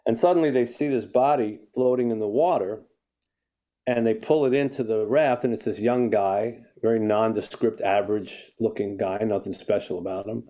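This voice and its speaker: Mellow older man telling a story. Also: on the low side, normal speed. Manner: reflective storyteller, frequent restarts. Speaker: author guest. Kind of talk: conversational interview.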